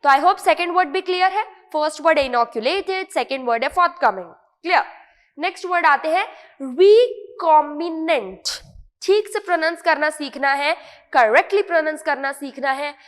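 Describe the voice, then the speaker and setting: Indian woman teacher, high voice, patient, repeats words, says "clear?" a lot, room has a long echo. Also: normal speed, fairly bright tone. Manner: explains patiently, repeats words, checks often. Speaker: English vocabulary teacher. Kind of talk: online lesson in Hindi-English mix.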